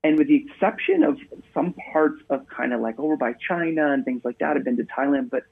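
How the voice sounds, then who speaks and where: Over a tinny phone line, a man from Maine, USA joins a radio interview as a guest, chatting casually with upbeat storytelling. His voice is fairly high, brisk and gravelly with a breathy edge.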